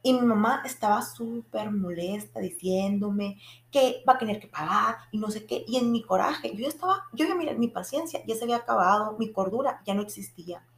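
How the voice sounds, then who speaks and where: Woman telling a story, gravelly tone. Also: medium pitch, brisk. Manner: animated, frustrated retelling with frequent restarts and acted quotes. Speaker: vlogger. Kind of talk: casual storytelling to camera. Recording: echoey room.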